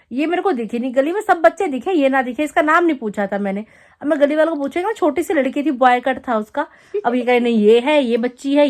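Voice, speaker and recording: A young woman vlogger casually telling a story to the camera, chatty and animated, acting out the quotes as she goes. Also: sits high. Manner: chatty, animated retelling with acted-out quotes and laughter. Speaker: family vlogger.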